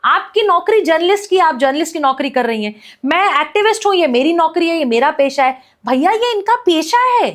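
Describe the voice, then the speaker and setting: A woman activist speaking as a podcast guest, making her case in a forceful, repetitive, rhetorical way. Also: very high voice, expressive, brisk, hardly any pauses. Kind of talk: impassioned podcast commentary.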